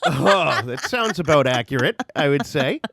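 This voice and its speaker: A man's voice: fairly high pitch, sing-song, normal speed, vocal fry, a bit bright, slight background noise. A man co-hosting a podcast in casual chat, playful and giggly. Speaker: podcast co-host.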